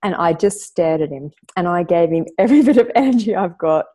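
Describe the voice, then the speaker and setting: A woman's voice: fairly low pitch, a little fast. A woman, a podcast guest telling an intense story in casual chat. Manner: animated, intense storytelling with laughs.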